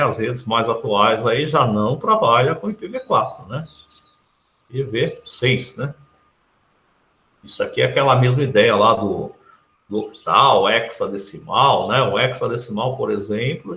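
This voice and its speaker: Lively Brazilian teacher in an echoey room. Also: male voice, mid-range voice, creaky. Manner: explains step by step, tags nearly every sentence with a questioning tag. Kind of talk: recorded math lecture.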